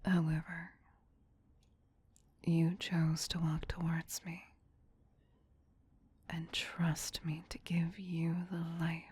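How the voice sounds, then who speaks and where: For an ASMR roleplay, a woman voices a possessive, doting vampire queen in full character, using a low, very breathy, hushed whisper at a slow, lingering pace. Her delivery is completely flat, yet her coaxing endearments come out soft and tender, with a tender, protective mood.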